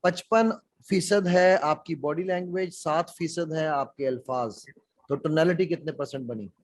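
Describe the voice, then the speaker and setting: Husky guy running a speaking class over a call, bit high voice, keeps quizzing the group. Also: measured pace, no room sound, rough recording. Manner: explains with questions to the class, mixes in English phrases. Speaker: public speaking trainer. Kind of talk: interactive online workshop lecture.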